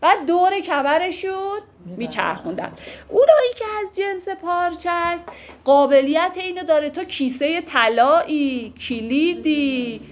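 In a very high-pitched, expressive voice, a literature teacher reads out classical verses before breaking them down casually and conversationally.

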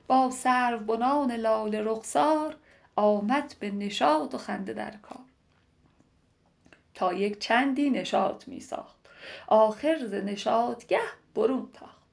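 A woman reciting classical poetry in a measured, lilting way, repeating lines and sometimes dropping to a soft whisper. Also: a little high, creaky.

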